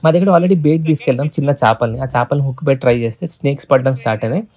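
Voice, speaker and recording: With a medium-pitched voice and a racing delivery, a man from Telangana narrates his fishing vlog outdoors on a rocky seashore at night. He's casual and excitable and switches into English phrases, while wind and surf noise come through the outdoor camera audio.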